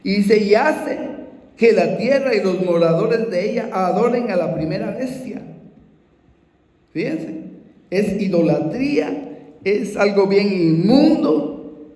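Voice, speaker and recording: A man preaching a sermon, unhurried, repeating his phrases and calling out to his brothers in the congregation. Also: sits high, expressive, a little mellow, echoey room, long reverb tail, low-quality recording.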